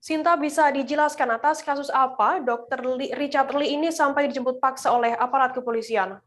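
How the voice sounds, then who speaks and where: A woman anchoring a news bulletin, reading the script in a crisp, measured way and putting questions to a field reporter. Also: high-pitched, fairly even intonation, a bit bright.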